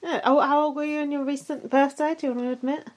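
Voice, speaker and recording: A woman's voice: high voice, fairly even intonation, fast talker, darkish tone. A woman in her forties co-hosting a podcast in casual chat, blunt and laughing, swearing freely, on a remote call mic. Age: 40s. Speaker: podcast co-host.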